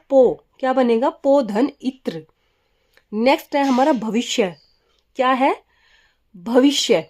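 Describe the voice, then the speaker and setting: High-voiced woman teaching grammar. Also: darkish tone. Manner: asks and answers her own questions, repeats key words; mixes English words into her talk. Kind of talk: classroom lesson.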